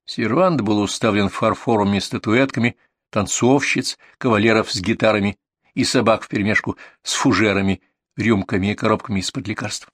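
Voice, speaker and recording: A man narrating an audiobook in an even, descriptive reading style. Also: lowish voice, fairly quick, no echo, studio quality. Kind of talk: scripted narration.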